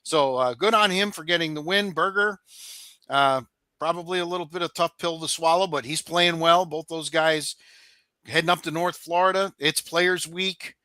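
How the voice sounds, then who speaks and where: A man with a bright, forceful voice in a dry, close recording, hosting a sports talk show. He recaps events conversationally, stopping on an "um" or "uh" now and then, a bit higher pitched than most men. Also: steady tone, moderate pace, no echo.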